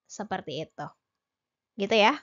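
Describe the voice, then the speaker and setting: A woman's voice: medium pitch, normal speed, fairly bright tone, highs cut off. A young woman tutor giving an exam-prep lesson, explaining each point step by step in a chatty way with many fillers.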